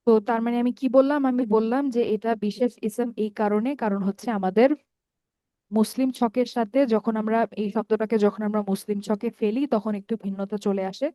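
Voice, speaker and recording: A woman teaching an online Arabic grammar lesson in Bengali with a Bangladeshi accent. She explains patiently, step by step, slowly repeats word forms with drawn-out vowels and keeps checking that her students follow. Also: a little high, steady tone, dark tone, no echo.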